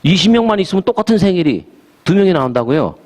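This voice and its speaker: Male pastor, middle-aged, lively church talk; very expressive pitch, drops in English words, laughs a lot. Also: fast. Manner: animated, asks the audience questions, laughs often.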